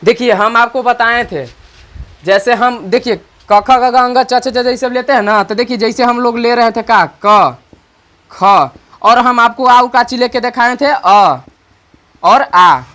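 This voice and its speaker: A man's voice: very high voice, bright, forceful tone. A man teaching an online grammar class, repeating each point and asking questions that he answers himself. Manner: repetitive, asks questions and answers them himself; slow dictation while writing.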